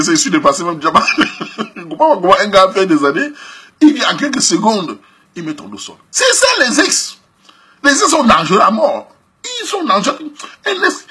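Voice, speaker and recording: A man with a Cameroonian French accent, hosting a show where he comments on a listener's letter and gives advice in a lively, slangy style, laughing often and swinging between loud outbursts and low asides. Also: husky. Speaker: host.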